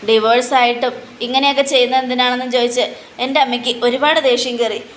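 A woman voicing a defiant, scornful young woman who talks in a sharp tone. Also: fairly high pitch, fairly even intonation, quick pace, slight background noise, close to an everyday voice.

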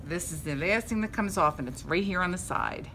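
An older female nurse with a slightly low voice, reassuring and joking as she chats with a patient. The phone recording has clear room noise behind her. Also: fairly quick. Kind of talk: casual chat with a patient. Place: small indoor surgical recovery room. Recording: noisy phone video in recovery room.

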